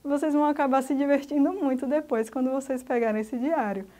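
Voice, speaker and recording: A Brazilian woman with a high voice teaches a recorded lesson for young pupils. She goes patiently through each example, step by step. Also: steady tone, fast talker, warm tone. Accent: Brazilian Portuguese. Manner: patient, explaining step by step to children. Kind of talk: recorded remote school lesson.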